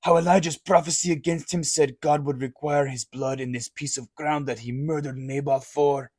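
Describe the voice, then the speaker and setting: A man's voice: a little high, steady tone, moderate pace, a little mellow, close to an everyday voice. An actor playing a stern army captain newly made king, with blunt, commanding orders. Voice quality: gravelly, husky.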